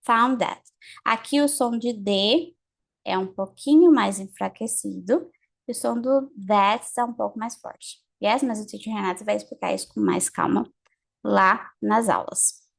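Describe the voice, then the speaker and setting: A woman teaching English pronunciation, explaining in Portuguese and repeating English example phrases slowly for students. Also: medium pitch, vocal fry. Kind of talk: online lesson, mixing Portuguese and English.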